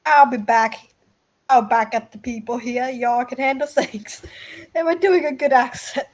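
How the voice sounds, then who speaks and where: Female player, giggly and teasing, higher voice. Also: measured pace. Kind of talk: casual tabletop game chat.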